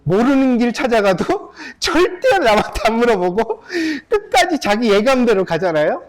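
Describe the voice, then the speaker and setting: A man's voice: very high voice, normal speed. A male pastor in his fifties preaching a story-filled sermon, speaking straight to his congregation. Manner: animated, addresses the congregation directly, acts out characters. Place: church sanctuary.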